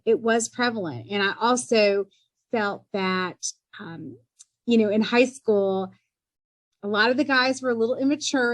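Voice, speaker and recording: Speaking in a medium pitch, a middle-aged woman guests on a podcast to talk about her work as an entrepreneur. Her manner is sincere and careful, punctuated by lots of "you know" and "um."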